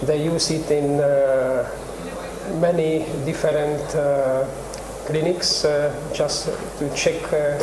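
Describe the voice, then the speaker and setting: An older man with a Czech accent, a researcher explaining his work haltingly, with many pauses, in a TV studio interview. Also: fairly high pitch, level tone. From Czech Republic. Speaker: cannabis researcher guest. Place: TV studio set. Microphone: lapel mic. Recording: roomy studio with background noise.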